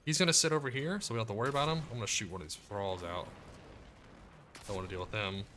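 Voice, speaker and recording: A man giving casual commentary as he plays through a video game guide, relaxed and explaining as he goes. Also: fairly low pitch, fast, a little hiss or hum. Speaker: gaming guide creator. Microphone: desk mic, muted to cough.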